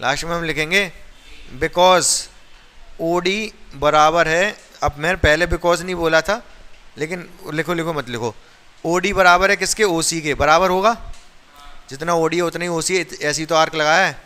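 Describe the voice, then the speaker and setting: A man's voice: a little high, normal speed, sharp tone. A man teaching a maths lesson in a classroom, who keeps asking his students questions and then answers them himself.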